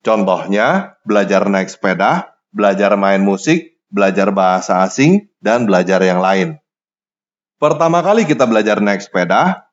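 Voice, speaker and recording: Low-voiced man preaching with lively emphasis. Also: muffled recording. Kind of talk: scripted sermon narration.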